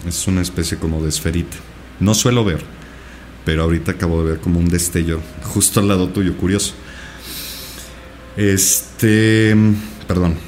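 A man's voice: low voice, steady tone, moderate pace, pauses often, darkish tone, slight background noise. A male podcast guest earnestly recounting a personal experience, with many repetitions. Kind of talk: personal storytelling in a podcast interview.

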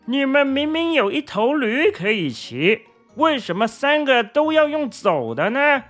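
A woman's voice: high voice, very animated, a little slow, faint music behind, pitched above the performer's own voice, heavily acted. A woman voicing a male traveller who laughs mockingly at a father and son. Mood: mocking amusement. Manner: giggling, mocking.

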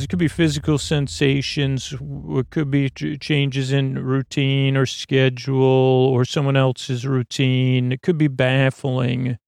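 A man hosting a sleep podcast, talking slowly in a meandering, self-interrupting bedtime monologue with a creaky voice. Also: medium pitch, a little mellow, dry recording, studio quality. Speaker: podcast host.

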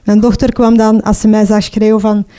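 A middle-aged Flemish woman telling her own story as a mother, emotional and halting, often restarting and adding "hè". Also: medium pitch, flat delivery, mellow, clear, resonant tone. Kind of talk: personal testimony.

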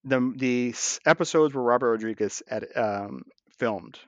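A man's voice: mid-range voice, a little slow, dry recording. Male podcast co-host, braces lisp, opinionated casual film talk, dry and slightly muffled sound. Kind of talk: casual film review chat.

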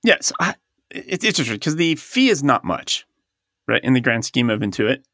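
With a very animated, pushed, and bright mid-range voice at a moderate pace, a man co-hosts a casual accounting podcast in a studio. Allergies leave him slightly stuffed up as he laughs frequently and reads ads and quotes aloud; the studio-quality audio has no echo.

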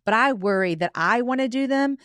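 A woman's voice: on the high side, lively intonation, a bit bright, clear, resonant tone, no room sound. A woman in her forties, a guest author talking candidly and emotionally in a casual podcast interview. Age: 40s. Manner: candid, emotional, quick self-talk asides.

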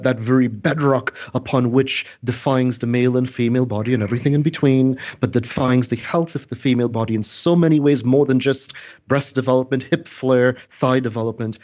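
A man's voice: medium pitch, darkish tone. Emphatic man, dull audio. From Trinidad. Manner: earnest, emphatic, lecturing, repeats points. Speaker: scientist guest. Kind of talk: interview explanation.

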